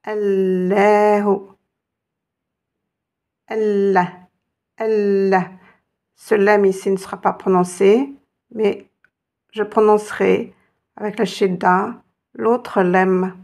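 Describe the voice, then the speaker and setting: Brief: woman teacher, patient and encouraging, unhurried delivery with a gravelly edge. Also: mid-range voice, fairly even intonation, darkish tone. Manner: patient, encouraging, spells out sounds slowly. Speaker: Arabic teacher. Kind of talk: reading lesson.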